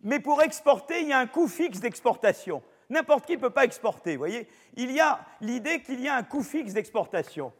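An older French-accented man teaches a university class, with a fairly high voice for a man. He talks in a loose, chatty way and often restarts his sentences with fillers. A long hall reverb trails after his voice. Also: sing-song, normal speed, breathy edge. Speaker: professor lecturing. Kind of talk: university lecture. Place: lecture hall.

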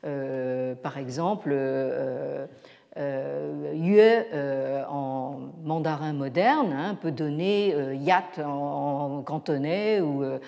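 A woman giving an academic lecture, halting often with fillers and restarts as she searches for words. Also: low voice, gravelly, warm tone. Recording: long hall reverb.

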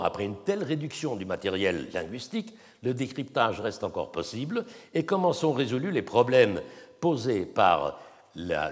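Male academic lecturer, animated pitch, mid voice, long hall reverb on a lectern mic. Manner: measured, explanatory, demonstrates tones by voice.

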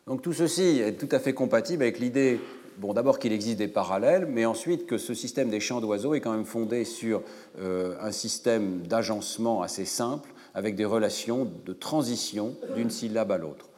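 A man delivers a university lecture in a fairly low voice, working step by step through each point with frequent pauses and hesitations. His voice carries the long reverb of a large lecture hall. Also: darkish tone. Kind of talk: academic lecture.

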